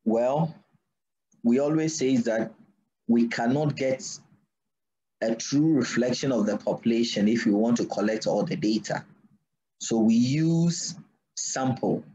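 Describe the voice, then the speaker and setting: Guy lecturing slowly, keeps asking the class to fill in the word, kinda muffled lo-fi audio. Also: medium pitch, dark tone. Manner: asks students to finish his sentences with "what?"; slow deliberate delivery. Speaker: university lecturer. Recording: dull lo-fi recording.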